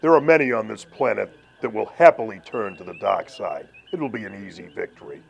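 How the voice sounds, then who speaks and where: A man playing a cold, arrogant male dark lord in armor, speaking in slow, threatening pronouncements in a talk-show skit. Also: on the low side, animated, gravelly, slight background noise. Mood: cold arrogance.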